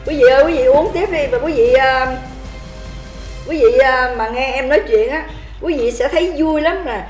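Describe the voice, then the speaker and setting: A woman telling drinking stories in a casual, animated chat, laughing often and calling out toasts. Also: high-pitched, normal speed, roomy sound, soft background music. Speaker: livestream host telling drinking stories to viewers.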